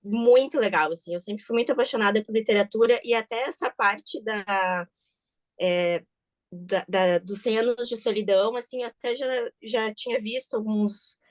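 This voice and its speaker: A woman's voice: medium pitch, moderate pace, no room sound. A woman with a gaúcho accent from southern Brazil, speaking effusively in an audience comment at a seminar. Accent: Rio Grande do Sul gaúcho Portuguese. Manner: enthusiastic, effusive.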